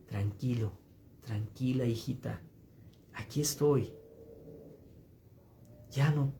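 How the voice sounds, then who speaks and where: A man preaching a sermon as pastor, speaking in a gentle, consoling way with repeated phrases. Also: mid-range voice.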